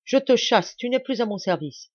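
A woman reading an audiobook, voicing a proud middle-aged man who shouts in menacing fury. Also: fairly low pitch, expressive, normal speed, breathy edge, dry recording, dull audio. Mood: furious.

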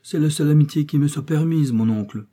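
A man's voice: on the high side, fast talker, voice pushed up, close to an everyday voice. A man reading a modest young orphan girl. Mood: polite. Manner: gentle, modest.

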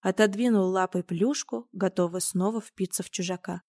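A woman narrating a storybook with a steady, expressive reading. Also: medium pitch, normal speed, no room sound, studio quality. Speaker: audiobook narrator.

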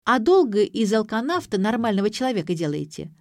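A woman voicing a sharp-tongued young adult daughter who talks briskly and sarcastically, pushing with questions. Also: medium pitch, sing-song, no echo, clean studio sound, voice pushed up.

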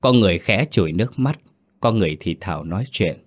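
A man narrating a ghost story in a measured, somber reading. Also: sits low, expressive.

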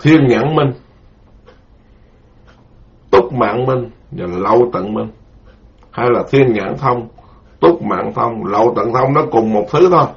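A middle-aged man, a Buddhist monk giving a dharma lecture, speaking slowly and repeating key terms for his listeners. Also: medium pitch, animated, vocal fry. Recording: dull lo-fi recording.

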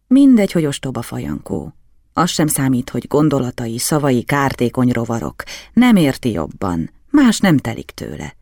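A man's voice: mid-range voice, wildly swooping pitch, a little mellow, dry recording, studio quality. A man voicing an anxious, kindly older male scholar, agitated and pleading, in an audiobook. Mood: self-reproach. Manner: agitated, self-reproaching, pleading. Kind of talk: audiobook character reading.

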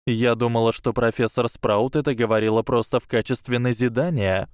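Give me a dazed schoolgirl witch in an audiobook, polite but firm, played by a male narrator, close and smooth. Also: medium pitch, fairly even intonation, brisk, darkish tone, no room sound, natural voice.

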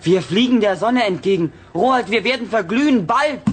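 A frightened passenger on a spaceship pleads through a door, his voice pitched high. A faint engine hum sits under the recording. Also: animated, moderate pace. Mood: panicked. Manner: pleading, increasingly desperate. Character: anxious young male spaceship passenger. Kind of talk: radio drama acting.

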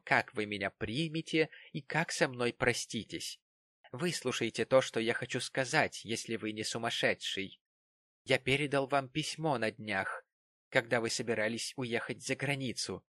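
A man voicing a calm, composed young man who speaks steadily and firmly. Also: mid-range voice, no room sound, clean studio sound, close to an everyday voice. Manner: steady, firm.

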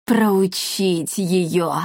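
A woman voicing a haughty, scruffy male cat who hisses his words slowly. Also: medium pitch, fairly even intonation, warm tone, no room sound, studio quality, lightly acted. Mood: hissing. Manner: hissing, slow.

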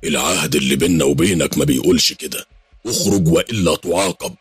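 Sinister Egyptian sheikh, stern and commanding, played by a man, very deep and husky. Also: fast talker, dry recording, soft background music, exaggerated voice.

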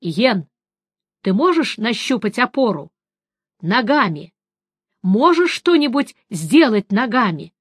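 A woman reading aloud, voicing a hardened male witcher who shouts urgent pleas while hanging on. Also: a little high, big pitch swings, slow pace, pauses often, husky, no echo, clean studio sound, exaggerated voice. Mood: strained.

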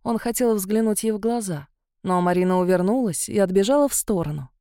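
Mellow woman narrating an audiobook. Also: medium pitch, a little fast, clear, resonant tone, no room sound, clean studio sound. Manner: expressive storytelling.

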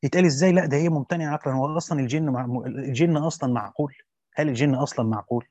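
A man with a mid-range, dark-toned voice races through a classical Quran commentary, reading it to his students and slipping in brief asides. There's no room sound, and the recording is dry, dull and lo-fi.

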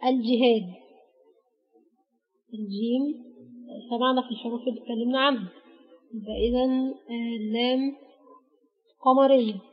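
A woman's voice: a little high, fairly even intonation, slightly rough, soft background music. Patient Egyptian woman teaching Arabic letters. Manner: patient, spells out letters one by one with pauses. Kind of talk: explaining a grammar lesson. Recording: dull lo-fi recording.

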